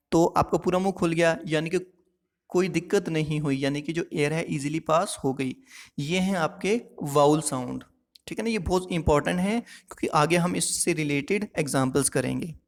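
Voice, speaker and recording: A man's voice: a little high, gravelly. Male teacher with a reverberant classroom sound. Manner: explains step by step, often checking with the listener. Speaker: English teacher. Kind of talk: classroom lesson explaining poetic devices.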